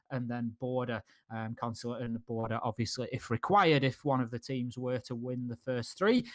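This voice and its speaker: A man casting a live esports final, breaking down maps and bans in a steady, conversational way. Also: medium pitch, no room sound, clean studio sound. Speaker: esports caster.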